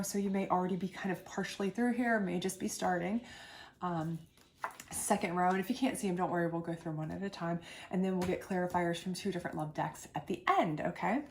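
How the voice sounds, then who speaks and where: A tarot reader with a sinus infection sounds congested as she gives a chatty, comforting love reading to camera, packed with fillers and side comments. Her pitch is medium, and there's slight background noise.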